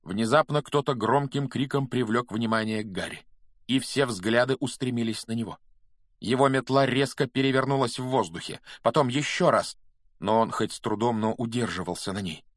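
A man narrates a fantasy audiobook with brisk, steady storytelling. His voice sits at an ordinary middle pitch. The recording is close and dry, with no room sound. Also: no room sound. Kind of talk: scripted narration.

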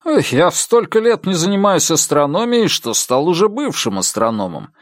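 A man's voice: a little high, very animated, moderate pace, no room sound, studio quality, voice pushed up. A man doing a guarded, evasive scientist. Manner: cautious, hesitant, slightly raised voice.

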